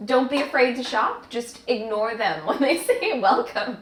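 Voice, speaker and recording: A woman from Canada co-hosting a casual podcast chat, animated and giggly, full of fillers. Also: on the high side, measured pace, noisy background. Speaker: podcast co-host. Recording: echoey room.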